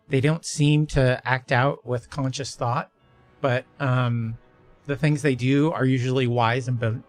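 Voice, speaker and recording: A man runs a tabletop game as game master, describing things in a halting way full of fillers. His pace is slow and his pitch sits in the middle. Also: no room sound.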